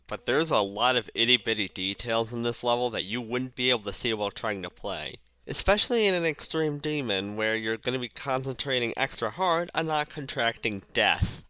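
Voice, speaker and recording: A man with a bright, forceful voice and a noticeable lisp delivers casual video commentary, stressing words in unexpected places. He is sardonic and swears freely. The sound is clear and dry, recorded close on a headset. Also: medium pitch, no echo. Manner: puts odd emphasis on random words. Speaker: video narrator and reviewer. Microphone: cheap headset mic.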